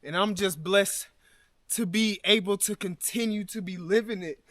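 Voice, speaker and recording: A man's voice: high-pitched, moderate pace, fairly bright tone, dry recording, studio quality. Emotional man on a mountain hike. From Alabama. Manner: emotional, thankful, talks to viewers as y'all. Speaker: outdoor vlogger. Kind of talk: solo hiking vlog. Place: outdoors in snowy mountains.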